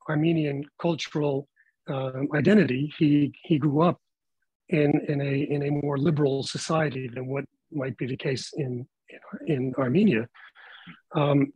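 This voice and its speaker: A man speaking as a panelist on a video call, measured and reflective, with frequent fillers and repeated words as he searches for phrasing. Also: on the high side, breathy edge, no echo, rough recording. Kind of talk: panel discussion remarks.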